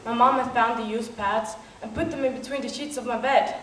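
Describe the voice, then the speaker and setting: A woman's voice: a little high, fairly even intonation, brisk, close to an everyday voice. A young woman performing a stage monologue with earnest, confessional telling. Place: stage in a hall. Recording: roomy hall from far off, faint noise.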